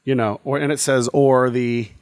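A man of ordinary pitch co-hosts a podcast in loose, rambling chat, full of fillers and restarts as he works things out aloud. His voice sounds close and dry, with no room around it. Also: fairly even intonation, normal speed, no room sound. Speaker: podcast co-host. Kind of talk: casual chat.

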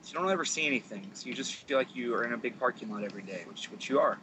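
Podcast host, man, laid-back and deadpan, mid-low pitch, clear background noise. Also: racing, poor audio. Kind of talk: casual podcast chat.

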